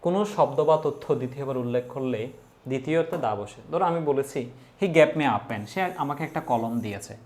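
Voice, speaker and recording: A man teaches English grammar to exam students, in a middle-pitched voice. He keeps asking his class questions and then answers them himself. He slows down to read out example words one at a time. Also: a little mellow. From Bangladesh.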